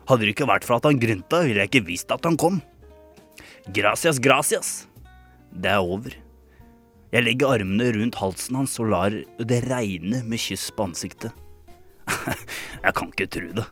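A man co-hosting a radio comedy show, reading a saucy short story aloud in a dry, deadpan way. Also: mid-range voice. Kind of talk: comic dramatic reading.

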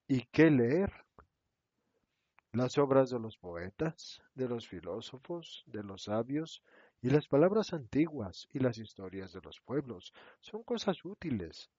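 A man voicing a poor, gentle orphan boy who speaks softly and pleadingly. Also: medium pitch, breathy edge, no room sound, full character voice. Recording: dull, dry lo-fi recording.

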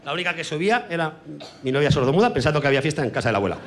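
Brash comedian, very animated. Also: male voice, very fast, noisy background. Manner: brash, crude punchlines with sudden high shouted sound effects. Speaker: stand-up comedian. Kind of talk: stand-up comedy monologue.

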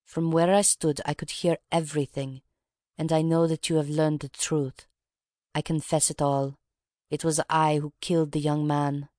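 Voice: mid-range voice, little pitch movement, moderate pace, a little mellow, no echo, lightly acted. Reader doing a grave Russian woman revolutionary, dignified, confessing, audiobook, dry close sound. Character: proud guilt-ridden Russian woman revolutionary. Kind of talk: audiobook reading.

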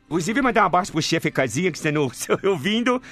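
A man's voice: sits high, sing-song, fast, fairly bright tone, faint music behind. A man co-hosting a morning radio show in casual, joking banter, teasing and laughing. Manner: playful, teasing, breaks into laughs.

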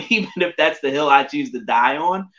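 A man's voice: a little high, animated, moderate pace, fairly bright tone. A middle-aged man chatting casually as a podcast guest, rambling with many fillers and restarts. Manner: rambling, frequent fillers and self-corrections. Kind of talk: casual interview chat. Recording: dull lo-fi audio.

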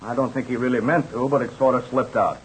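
An American actor playing an eager, folksy young pilot in an old radio drama, with an earnest, hesitant way of talking. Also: male voice, mid-range voice, steady tone, quick pace, a little hiss or hum, lightly acted, low-quality recording. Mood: animated, skeptical.

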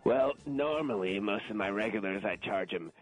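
A man putting on a raspy, coughing middle-aged woman caller, brash and flirty. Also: on the low side, animated, normal speed, poor audio. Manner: crude, brazen, flirtatious. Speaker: prank caller in character.

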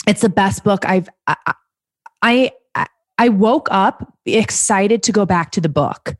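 A young adult woman co-hosting a podcast, chatting excitedly and full of likes. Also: mid-range voice, slow, no room sound, clean studio sound. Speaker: podcast co-host. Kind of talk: casual chat.

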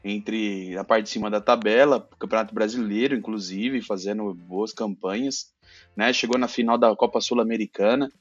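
A man's voice: fairly low pitch, fairly even intonation, moderate pace, highs cut off, soft background music. A man on a podcast panel chatting casually about football, using slang and repeating his phrases.

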